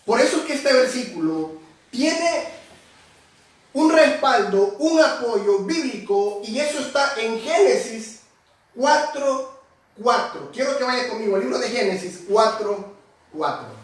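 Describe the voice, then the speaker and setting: A man with a very high voice preaches a sermon and explains each word with care, often calling out to his listeners. He is heard from some way off the mic, and his voice rings through a very echoey church hall. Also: lively intonation, unhurried, far from the mic. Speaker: pastor.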